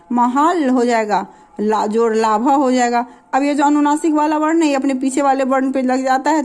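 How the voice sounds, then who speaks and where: A woman with a high voice teaches a grammar class. She explains slowly and patiently, walking through one example after another and often stopping to ask whether the students are following. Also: darkish tone. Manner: patient, repeats "है ना" to check understanding.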